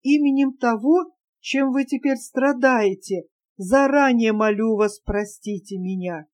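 Shy lovesick young guy pouring his heart out, read by a woman, mellow tone. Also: a little high, a little slow, close to an everyday voice. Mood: earnest. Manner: earnest, fervent confession. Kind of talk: audiobook character reading.

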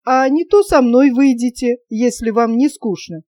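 A woman's voice: on the high side, measured pace, warm tone, dry recording, clean studio sound, natural voice. A woman voicing a talkative, self-satisfied wealthy lady in a storybook reading, chatty and coquettish.

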